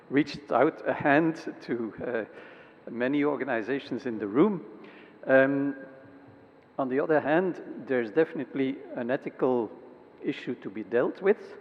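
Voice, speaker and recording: A man from the audience commenting and asking at a conference, halting with frequent fillers. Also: medium pitch. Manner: halting, many uhs and ums. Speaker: audience member asking a question. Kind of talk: conference Q&A remark. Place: large conference hall. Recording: dull sound with long hall reverb.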